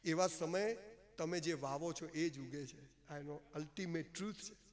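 A man's voice: fairly high pitch, measured pace. A man giving an emphatic, folksy motivational speech to an audience, joking and mixing in English phrases. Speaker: motivational speaker. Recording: long hall reverb.

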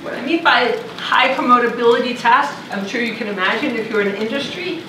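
A room mic positioned far away records a middle-aged Danish woman lecturing at a university in a large hall as a visiting lecturer. Her voice is on the high side and brisk, her style conversational with fillers as she thinks aloud, and the background is noisy.

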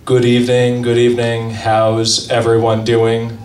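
A man's voice: mid-range voice, completely flat delivery, background noise. A young man from Massachusetts doing conversational stand-up on a small open mic stage, holding the mic. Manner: brisk, conversational storytelling. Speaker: stand-up comedian. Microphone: handheld mic. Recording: roomy, from far off.

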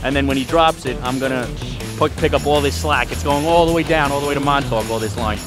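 A man vlogging his fishing trip on a windy beach, excited, swearing freely and talking to viewers. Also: medium pitch, fast, music in the background. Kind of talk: casual outdoor vlog narration. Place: windy beach outdoors by the surf.

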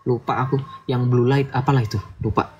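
Hosting a relaxed livestream, this man talks and lectures at a brisk clip, repeatedly checking with listeners by asking "betul nggak?" His medium-pitched voice is fairly even in intonation, and the audio is dull with a little hiss or hum.

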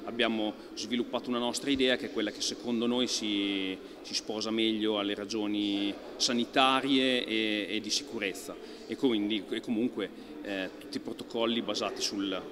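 A man in his thirties, an archery club president, giving an interview in an indoor archery hall, talking with many fillers and pauses. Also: lowish voice, steady tone, a crowd in the background. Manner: thoughtful, halting, many fillers. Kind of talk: on-camera interview.

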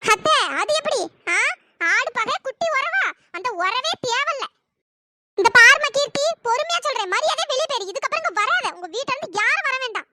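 Furious squeaky cartoon mother. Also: expressive, a little fast, slight background noise, exaggerated voice. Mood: angry scolding. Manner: shouting, scolding. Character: furious scolding middle-aged mother, sharp-tongued. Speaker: angry aunt. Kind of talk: pitched-up cartoon voice acting.

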